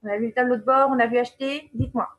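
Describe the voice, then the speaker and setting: A woman with a fairly high, husky voice guides viewers through a website on a screen-share webinar. She talks in a chatty, step-by-step way, often pausing on fillers and checking that everyone is following. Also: fairly even intonation, rough recording. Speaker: webinar presenter. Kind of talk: screen-share software walkthrough.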